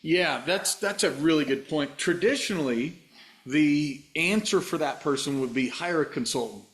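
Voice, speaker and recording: A man's voice: on the high side, moderate pace, a bit bright, reverberant. A middle-aged man giving an enthusiastic, explanatory webinar demo over a video call. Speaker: webinar presenter.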